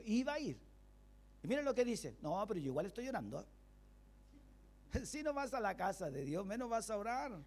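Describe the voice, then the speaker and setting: A man's voice: high voice, darkish tone. A male pastor preaching a Sunday sermon, asking the congregation questions and acting out everyday excuses in quoted voices. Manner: preaching with rhetorical questions and call-and-response.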